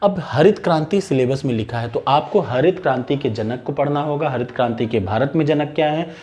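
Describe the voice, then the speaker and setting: A man's voice: medium pitch, fairly quick, a little mellow. A man teaching an exam-prep lesson, giving direct instructions and repeating key points for emphasis.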